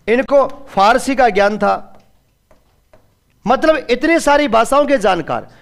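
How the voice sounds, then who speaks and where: A man teaching an exam-prep class in a chatty way. He asks his students questions and then answers them himself, and he drops in phrases of local dialect. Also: high voice. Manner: slips into regional dialect phrases. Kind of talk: classroom lecture.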